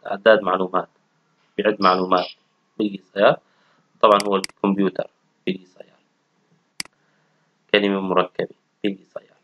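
Low-voiced man teaching word by word. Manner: patient, repeats each word slowly. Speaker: Turkish language teacher. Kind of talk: explaining a textbook lesson. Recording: dull, dry lo-fi audio.

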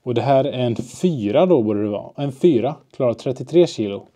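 A man's voice: medium pitch, lively intonation, dark tone. A young man in a casual solo vlog, rambling and mixing in English phrases, filmed on a handheld camera indoors. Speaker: vlogger. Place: basement and workplace, indoors.

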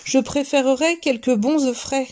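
A woman's voice: high-pitched, fairly even intonation, normal speed, a little mellow, natural voice. A woman voicing a kind clumsy wolf. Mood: gentle. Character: gentle clumsy male wolf, good-natured.

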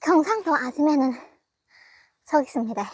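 A woman's voice: high-pitched, expressive, normal speed, no room sound. A young woman vlogging on a mountain trail outdoors, narrating in a playful mock-TV announcer style. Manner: teasing, announcer-like delivery.

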